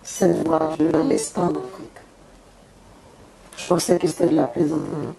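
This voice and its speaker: A woman's voice: sits low, little pitch movement, gravelly, echoey room, crowd noise. A singer, giving a solemn, devotional testimony in an interview at her home. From Côte d'Ivoire. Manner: slow, solemn, devotional phrasing. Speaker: gospel singer, interview guest.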